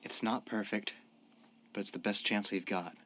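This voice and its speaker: In a radio drama, an actor plays a young ex-mob tough who is repentant and devoted to his sweetheart, an expectant father speaking earnestly. His voice is fairly low and a bit bright, with fairly even intonation at normal speed. It sounds natural, with a little hiss or hum.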